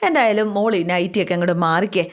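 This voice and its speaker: A woman voicing a fond old grandmother who cannot walk, pleading and gently scolding. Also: mid-range voice, rapid-fire, natural voice. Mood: coaxing.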